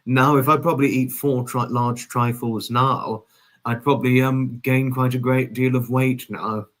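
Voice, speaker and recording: A twenty-something man runs a casual livestream, welcoming and answering his audience with lavish, old-fashioned politeness in wordy, formal phrasing that keeps circling back on itself. His voice sits in a typical middle male range, with fairly even intonation and a measured pace.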